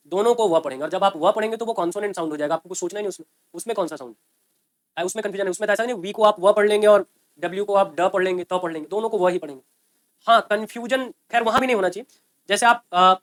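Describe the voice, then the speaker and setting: A man with a fairly high voice lectures on grammar to a class. He explains patiently, repeats key points and keeps checking that his students follow. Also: fairly bright tone. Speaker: teacher.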